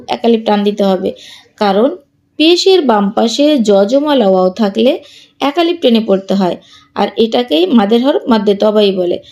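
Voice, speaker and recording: A woman teaching Quran reading, with a Bangladeshi Bengali accent, patiently spelling out letters and vowel marks and reading each example slowly. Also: on the high side, warm tone. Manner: patient, repetitive, explains rules then reads examples slowly. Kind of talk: spelling out and drilling letter sounds.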